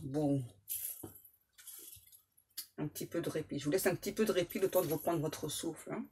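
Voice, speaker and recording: A woman's voice: low voice, normal speed, mellow, slight background noise. A woman tarot medium giving a casual reading, playful and slangy, with joking asides to her spirit guides.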